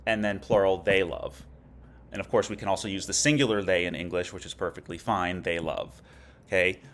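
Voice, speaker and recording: A man's voice: low voice, steady tone, fairly quick, a bit bright, a little hiss or hum. A man teaching a recorded lecture, explaining patiently and checking in often with "okay?". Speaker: Latin teacher.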